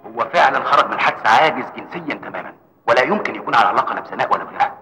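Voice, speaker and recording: A man's voice: medium pitch, expressive, very fast, bright, forceful tone, rough recording. An actor playing a grave, clinical man in an Egyptian film drama, explaining in Egyptian Arabic. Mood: grave, explanatory.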